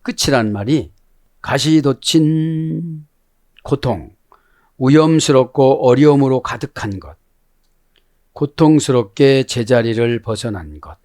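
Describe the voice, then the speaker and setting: A middle-aged man preaching a sermon as pastor, prodding his listeners with constant questioning interjections and slowing down to explain Greek words with emphasis. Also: medium pitch, darkish tone.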